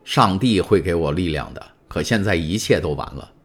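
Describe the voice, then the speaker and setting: A secretive, calculating older prisoner questions a stranger through the stone, as a man puts him on. His voice sits low and moves a lot in pitch. He is guarded and grave in this storybook reading. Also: lively intonation, moderate pace. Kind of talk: audiobook character voice.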